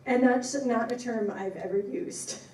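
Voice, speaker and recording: A woman who is a professor gives an informal talk to a congregation, sounding emphatic and appreciative. Her fairly high, dark voice is unhurried. The room is echoey, and she's captured from a distance with faint noise.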